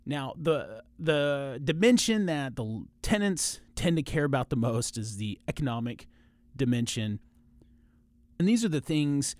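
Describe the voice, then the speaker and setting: A man who works as a lawyer, hosting a podcast and explaining a topic in a measured way with frequent restarts. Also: mid-range voice, darkish tone, no echo. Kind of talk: informational podcast monologue.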